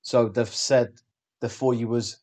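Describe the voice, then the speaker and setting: A man's voice: mid-range voice, unhurried. A man, co-hosting a podcast, telling anecdotes and acting out other people's lines. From England. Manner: animated storyteller, acts out quotes. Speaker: podcast co-host. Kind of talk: casual banter.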